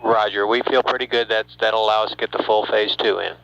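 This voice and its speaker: A man at mission control speaks in crisp radio-check fashion, with brief procedural phrases and a bright, forceful edge. He comes over a muffled two-way radio with a faint hum and beeps. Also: on the low side, steady tone, brisk. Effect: two-way radio transmission. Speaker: mission control capsule communicator. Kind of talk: spaceflight radio communication.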